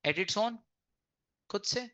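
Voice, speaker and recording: A man's voice: sits high, lively intonation, drawn-out words, fairly bright tone. A male exam-prep teacher giving an emphatic classroom lecture, often asking his students rhetorical questions and mixing English legal terms into his explanations. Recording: dull lo-fi lecture recording.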